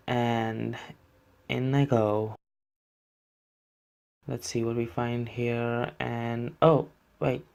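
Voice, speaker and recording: Man, from India, travel vlog narration, exasperated, self-mocking, mid-pitched voice. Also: creaky, a little mellow. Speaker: travel vlogger.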